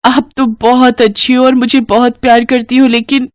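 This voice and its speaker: A woman's voice: on the high side, little pitch movement, moderate pace, dry recording, clean studio sound, voice pushed up, close to an everyday voice. A woman voicing a timid young bride in a cartoon story, who talks in an anxious, pleading, stammering way. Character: timid young new bride, easily frightened.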